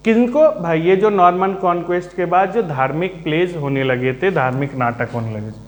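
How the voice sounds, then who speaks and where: A man teaching a literature class, speaking slowly and calmly, repeating and spelling out words for his students. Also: a little high. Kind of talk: Hindi-English literature lesson. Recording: echoey room.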